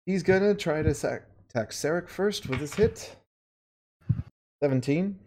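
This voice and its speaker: A man running a tabletop game as game master over an online voice call, casual and quick to swear. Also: a little high, expressive, dark tone. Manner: casual, swears freely, quick bursts of narration.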